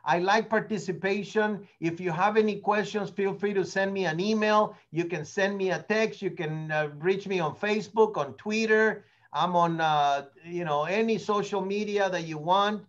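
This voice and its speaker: On this lo-fi meeting recording, a high-sitting male voice moves at normal speed. The speaker is an older non-native English speaker leading a real estate training session, rambling and opinionated, with words repeated as he goes.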